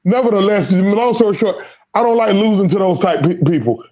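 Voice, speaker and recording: A sports podcast host who's losing his voice rambles through casual sports talk, repeating words and dropping Southern American slang. His voice is high-pitched, mellow and fairly quick, heard through lo-fi sound.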